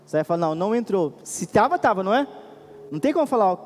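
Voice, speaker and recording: A Brazilian man preaching a sermon as pastor, swinging between raised and hushed delivery and questioning the congregation. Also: high-pitched, very animated, rapid-fire, long reverb tail, a little hiss or hum. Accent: Brazilian Portuguese. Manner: preaching with sudden rises and drops, questioning the congregation. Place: church.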